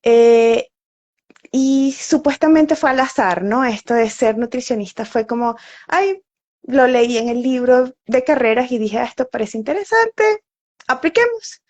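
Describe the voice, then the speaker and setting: A Venezuelan woman who works as an oncology nutritionist chats casually on a live stream from her home in Bogotá, using many fillers and laughing often. Her voice is a little high, a little slow, and darkish in tone. The recording sounds dull and lo-fi.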